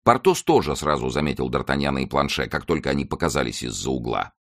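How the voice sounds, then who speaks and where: A man narrating a classic adventure novel as an audiobook, measured and expressive. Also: extremely low pitch.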